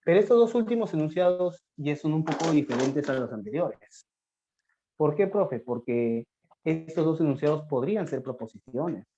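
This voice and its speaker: A man teaches a math lesson in a mellow, dark voice. He takes on his students' questions and answers them, often slowing to a dictation pace. The recording is dull and lo-fi. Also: on the high side. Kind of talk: classroom lecture on logic. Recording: dull lo-fi sound.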